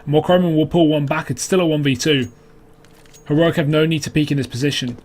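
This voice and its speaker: A man's voice: fairly high pitch, fairly even intonation, brisk, a little mellow. A man commentating on an esports match as a caster, mixing clipped calls with conversational analysis.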